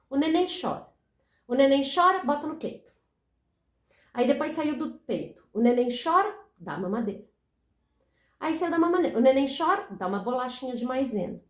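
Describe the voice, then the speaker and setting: High-voiced woman, lively self-help talk. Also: echoey room. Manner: animated, repeats phrases for emphasis, acts out inner voices. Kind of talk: motivational talk to viewers.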